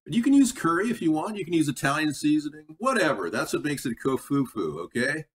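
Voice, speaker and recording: A man's voice: on the high side, sing-song, fast. A man hosting a casual live cooking stream, rambling in a folksy way, recorded on a tinny computer microphone. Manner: rambling, folksy, breaks off to read chat. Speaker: livestream cooking host. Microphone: computer microphone, away from the mouth. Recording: tinny computer mic, distant, background noise.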